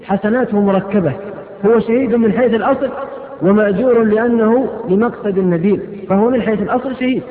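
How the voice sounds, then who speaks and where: A man preaching at a religious question-and-answer lecture, reading questions aloud and answering each with quick, firm rulings. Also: high voice. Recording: echoey hall on tinny phone-band audio.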